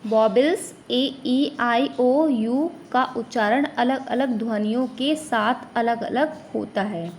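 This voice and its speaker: Woman schoolteacher, higher voice, unhurried online lesson, slight background hiss. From India. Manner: asks questions and answers them herself, slow and clear. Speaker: primary school teacher.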